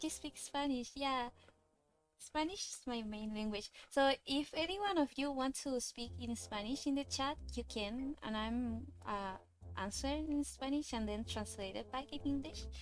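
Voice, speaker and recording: A woman whose first language is Cantonese chats casually while livestreaming her drawing, her high voice nervous and hesitant, halting and restarting. Faint music sits behind her, and the recording is rough.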